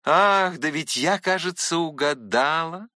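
A man reading a gentle, teasing young noblewoman's lines in an audiobook, soft and indulgent. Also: high-pitched, measured pace, no room sound, clean studio sound.

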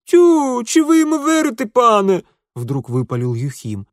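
A man voicing an excitable village watchman, speaking shrilly. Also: very high voice, normal speed, dry recording, clean studio sound, pitched above the performer's own voice, heavily acted. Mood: scoffing.

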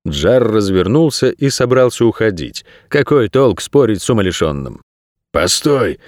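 A man's voice: fairly low pitch, sing-song, normal speed, darkish tone, no echo, clean studio sound. A man reading an audiobook aloud as scripted narration.

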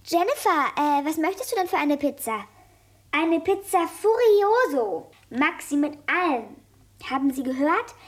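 A woman voicing a bored, bold young girl home alone in a children's radio drama. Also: high-pitched.

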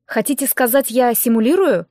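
A woman's voice: high voice, lively intonation, normal speed, darkish tone, dry recording, clean studio sound. Woman voicing a blunt anxious teen girl. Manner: blunt, demanding questions. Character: anxious eighteen-year-old girl student, blunt and impatient.

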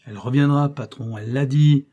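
A man voicing an eager, excitable young male clerk who defers to his boss. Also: mid-range voice, fairly quick, dull audio, lightly acted. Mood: reassuring.

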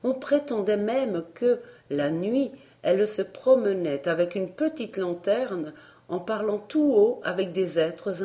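A woman narrating a storybook audiobook at a slow, unhurried pace. Her voice sits a little low and sounds warm and mellow. The reading is steady throughout. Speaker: audiobook reader.

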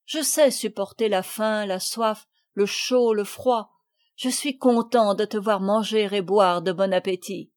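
A woman voicing a sea-captain father in an audiobook, speaking in a calm, measured, firm way. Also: mid-range voice, natural voice.

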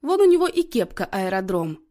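A woman reading an audiobook, voicing an excitable, chatty young woman. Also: medium pitch, fairly quick, close to an everyday voice. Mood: excited.

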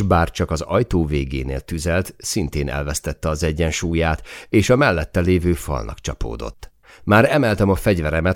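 Deep gravelly man narrating an audiobook. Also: no echo, clean studio sound. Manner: tense, rising to shouted lines in dialogue. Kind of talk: first-person audiobook narration.

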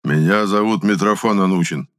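Man doing a big angry hoarse peasant guy, growly and rough. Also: sits low, moderate pace, fairly bright tone. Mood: hostile, hoarse. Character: burly angry peasant man, rich villager.

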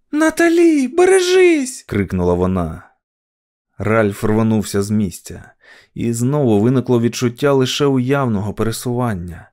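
A man narrating an audiobook dramatically, dropping to a hush in tense passages. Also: mid-range voice.

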